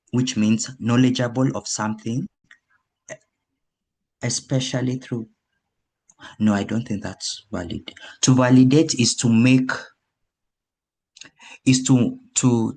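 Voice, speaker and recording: A man giving a grammarian's feedback report in a meeting over a video call, measured and correcting himself mid-phrase. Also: medium pitch, darkish tone.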